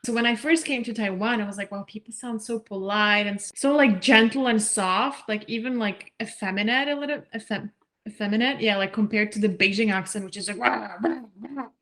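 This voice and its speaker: A woman's voice: medium pitch, brisk. A young woman chatting as an interview guest, talking casually and animatedly with many fillers. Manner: chatty, animated, heavy use of "like", acts out quoted voices. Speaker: interview guest, scholarship recipient.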